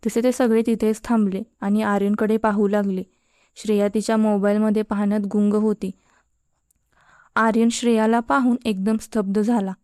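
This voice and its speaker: A woman narrating a story in a steady storybook reading style, voicing every character herself. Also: medium pitch, no room sound, studio quality.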